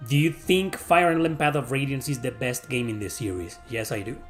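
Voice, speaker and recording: Answering viewer questions in a casual Q&A, this middle-aged man with a Mexican accent talks a little fast at a mid pitch. His style is blunt and rambling, heavy on fillers and swearing, with faint music underneath.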